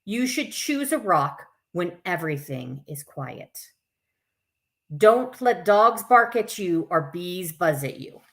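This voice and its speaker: A woman's voice: on the low side, big pitch swings, takes it slowly. A woman hosting a live story time for children, reading aloud with informal, chatty asides. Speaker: camp staff story time host.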